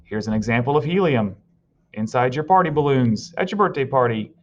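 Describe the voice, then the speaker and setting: A man's voice: mid-range voice, animated, a little fast, slight background noise. A male teacher giving a recorded virtual science lesson, explaining step by step and telling students what to write down. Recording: slightly dull lo-fi audio.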